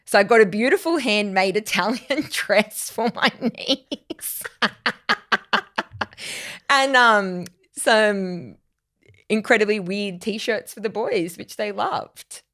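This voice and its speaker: A woman's voice: mid-range voice, takes it slowly, a bit bright. A woman in her thirties with an Australian accent, co-hosting a casual chat podcast and telling self-mocking stories. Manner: chatty, storytelling, self-mocking. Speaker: podcast co-host.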